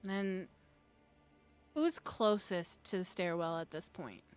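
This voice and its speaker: Woman game master, measured and slow, narrates scenes and calls for dice rolls. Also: on the low side, clean tone, faint music behind. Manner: unhurried, descriptive storytelling.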